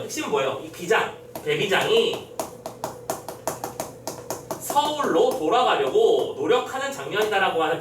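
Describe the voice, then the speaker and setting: A man's voice: high-pitched, a bit bright, slight background noise. A man teaching a Korean literature exam-prep lecture, explaining step by step and often checking understanding with short questions. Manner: acts out quoted lines in a gruff voice. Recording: roomy echo, slightly distant mic, faint ambience.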